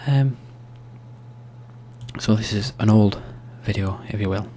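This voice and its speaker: A soft-spoken man giving an ASMR-style screen tutorial, explaining steps in a hushed, unhurried, informal way. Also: lowish voice. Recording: faint hum and background noise.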